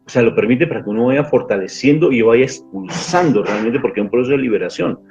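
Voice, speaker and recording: A man's voice: medium pitch, animated, fast talker, a little mellow. A man interviewing a guest, responding with affirming, reflective comments. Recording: dull lo-fi sound with faint music.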